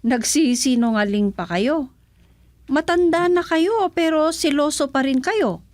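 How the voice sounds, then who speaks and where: An actress playing a sharp-tongued, proud young woman in a radio drama, scolding and indignant. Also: sits high, expressive, unhurried, no echo. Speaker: voice actor.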